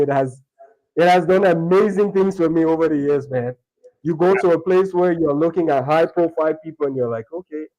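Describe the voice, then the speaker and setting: A young man from Liberia talks over a video call as an interview guest. His voice is mellow and warm, and he speaks in a chatty way, often restarting his sentences. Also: a little high, poor audio. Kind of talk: remote interview conversation.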